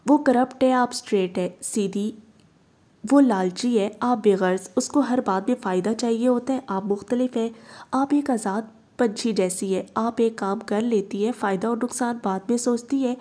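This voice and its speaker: Woman voicing a gentle young police officer, earnest, warm mellow tone, slightly high. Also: moderate pace, close to an everyday voice.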